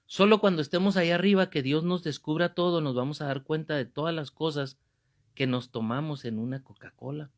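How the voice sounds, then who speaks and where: Animated preacher, fairly high voice. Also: male voice, brisk. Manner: animated, joking, rebuking. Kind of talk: sermon with comic storytelling.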